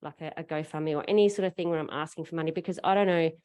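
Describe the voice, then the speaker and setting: A middle-aged Australian woman shares a personal account in a low voice, speaking through a face mask. She is informal and halting, with a self-deprecating way of putting things. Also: steady tone, darkish tone, clear, resonant tone. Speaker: panel speaker, parent fundraiser.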